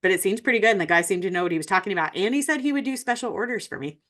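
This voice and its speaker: A woman co-hosting a podcast, her speech loose and meandering as she chats. She laughs easily and often, in a voice of ordinary middle pitch. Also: lively intonation, very fast, fairly bright tone. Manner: chatty, rambling, laughs often. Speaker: podcast co-host. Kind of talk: casual chat.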